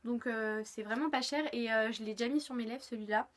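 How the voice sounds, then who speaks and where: A woman's voice: a little high, steady tone, fairly quick. An eighteen-year-old woman from France chatting casually through a makeup haul, gushing with lots of fillers. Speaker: beauty vlogger. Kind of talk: casual haul video chat.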